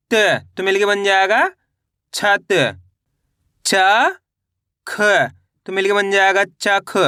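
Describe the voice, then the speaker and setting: A man leads a reading lesson, slowly sounding out each letter and asking the listener to repeat after him. His voice is bright and smooth, recorded close on a dry mic with no room sound. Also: high-pitched, no room sound. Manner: patient, repetitive drilling with call-and-repeat prompts. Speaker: Hindi reading teacher.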